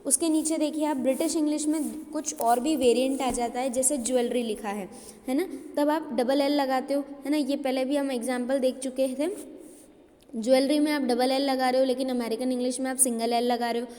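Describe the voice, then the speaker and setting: A woman's voice: high-pitched, steady tone, moderate pace, mellow, big-room sound. A woman English teacher giving a classroom lecture, checking understanding with frequent tag questions and spelling words out letter by letter.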